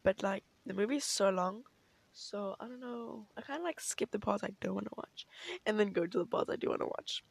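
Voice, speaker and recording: A young woman hosts a casual solo podcast in a bubbly, gushing, girlish manner. Her voice sits at a slightly low pitch for a woman and often drops into creaky fry. The sound is dry, with hardly any room around it. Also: a little fast, dry recording. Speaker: podcast host.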